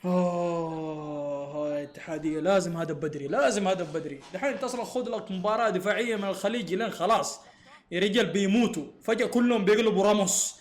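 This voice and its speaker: Guy yelling at a football match, high voice, talks super fast, echoey room. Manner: excitable, exasperated, laughing often. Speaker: football fan reacting to a match. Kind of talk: live match reaction.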